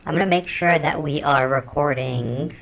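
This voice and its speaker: A man demonstrating music gear, talking through a built-in mic with a formant shift and auto pitch correction, offhand as he works. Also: normal speed, vocal fry, fairly bright tone. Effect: formant-shifted, auto-pitch-corrected voice through a sampler mic. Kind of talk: casual tutorial talk while recording samples. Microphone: built-in microphone of a groovebox.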